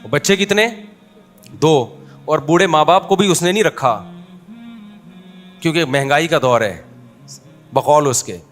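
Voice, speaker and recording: Chatty preacher with a raised voice. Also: male voice, on the high side, unhurried, long pauses, fairly bright tone, soft background music. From Pakistan. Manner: chatty, humorous storytelling, addresses listeners directly. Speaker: Islamic preacher. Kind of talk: informal religious talk with anecdotes.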